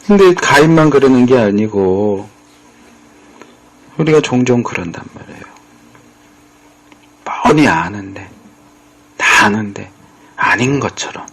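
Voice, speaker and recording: A man's voice: fairly low pitch, animated, measured pace, long pauses, fairly bright tone, slightly rough. A male pastor giving a conversational sermon, acting out bits of dialogue as he explains. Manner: conversational preaching, acts out quoted dialogue.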